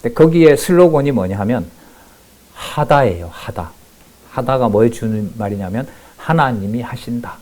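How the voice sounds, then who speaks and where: A male pastor giving a sermon, moving between calm scripture reading and loud, emphatic remarks. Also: mid-range voice, normal speed.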